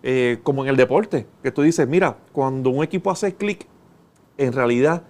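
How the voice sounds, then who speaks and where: A Puerto Rican man co-hosting a podcast, chatting casually with drawn-out fillers. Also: mid-range voice, a little mellow.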